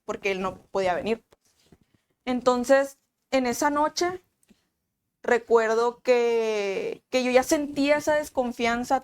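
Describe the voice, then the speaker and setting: A young woman telling her own story as a guest, earnest and halting, often restarting her sentences. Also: fairly high pitch, clean tone. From Mexico. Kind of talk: personal testimony.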